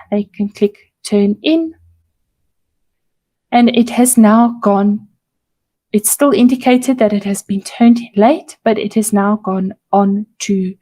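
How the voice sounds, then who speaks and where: A woman teacher briefs parents online in a slightly high, mellow voice. Her voice is strained and failing. She explains step by step, pausing to correct herself. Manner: careful, repeats and self-corrects while explaining.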